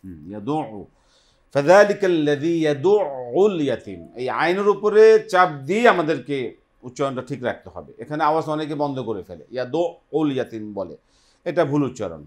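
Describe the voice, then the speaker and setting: A man's voice: a little high, sing-song, fast talker. A man with a Bengali accent hosting a televised Quran lesson, patiently modeling pronunciation and having the class repeat after him. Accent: Bangladeshi Bengali. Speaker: Quran recitation teacher and host. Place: television studio.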